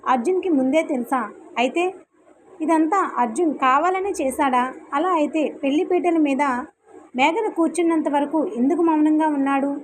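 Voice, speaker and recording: A woman's voice: sits high, normal speed, a little hiss or hum, close to an everyday voice. A woman voicing a troubled young man asking himself suspicious questions.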